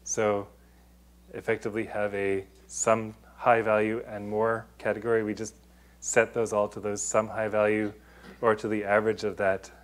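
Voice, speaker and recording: Lowish man giving an academic talk. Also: flat delivery, normal speed. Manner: explanatory, with many restarts and fillers. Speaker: presenter on data confidentiality. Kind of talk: academic presentation. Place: lecture room.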